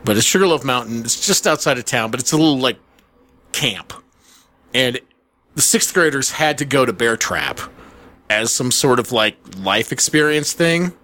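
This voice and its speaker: A man's voice: medium pitch, lively intonation, moderate pace, sharp tone. A man hosting a casual podcast chat, swearing freely and throwing in playful interjections. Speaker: podcast host.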